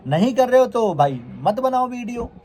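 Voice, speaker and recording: A man's voice: very high-pitched, lively intonation, normal speed, darkish tone. A vlogger who is a man, delivering a heated, confrontational rant straight to his viewers and repeatedly scolding his critics.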